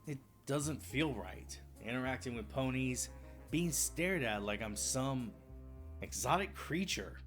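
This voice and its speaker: A man plays a young defense attorney in a fan-made game, grumbling and uneasy. His voice is bright and tense at a middle pitch, with a reluctant edge. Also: expressive, a little slow, soft background music. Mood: grumpy.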